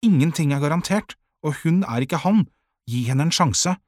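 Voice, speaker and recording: A man voicing a fiery twelve-year-old girl in an audiobook, earnest and insistent, with a husky edge. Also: on the high side, expressive, no room sound, clean studio sound, pitched above the performer's own voice. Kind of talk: audiobook character voice.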